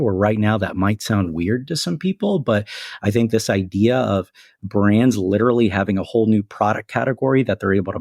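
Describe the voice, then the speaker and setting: A man, a company CEO, giving measured and reflective interview answers, often saying "frankly" and "right?". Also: fairly low pitch, gravelly, darkish tone, breathy edge, no room sound, studio quality. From United States.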